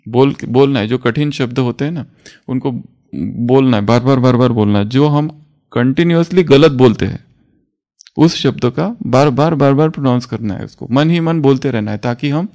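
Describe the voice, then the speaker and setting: A man giving a spiritual class in an unhurried teaching manner. He keeps putting questions to his listeners and then answering them himself, with frequent small chuckles between points. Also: mid-range voice, dark tone. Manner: chuckles often while explaining.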